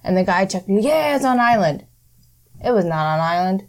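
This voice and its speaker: A woman's voice: mid-range voice, lively intonation, moderate pace. Woman telling wry, sarcastic stories. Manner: storytelling, wry and sarcastic, acts out others' lines. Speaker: guest. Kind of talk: casual chat.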